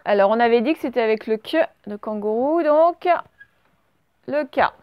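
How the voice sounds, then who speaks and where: A French woman teacher giving a slow dictation lesson to young children, stretching out words and spelling letters. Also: on the high side, smooth, lo-fi sound. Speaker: primary school teacher.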